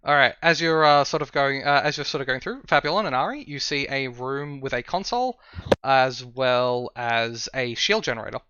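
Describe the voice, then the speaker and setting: A man acting as game master, narrating a tabletop role-playing game in a halting way as he improvises descriptions. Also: medium pitch, pushed and bright, highs cut off, a little hiss or hum.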